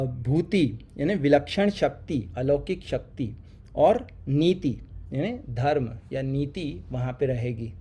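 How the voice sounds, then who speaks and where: A man teaching a scripture class online, pausing often with fillers and mixing English words into his talk. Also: fairly high pitch, dark tone. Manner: hesitant, many fillers, mixes English words. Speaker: spiritual teacher.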